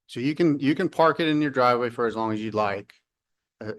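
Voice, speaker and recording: A man's voice: mid-range voice, fairly quick, fairly bright tone. A man on city staff patiently explaining an ordinance at a public council meeting, with some ums. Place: council chamber.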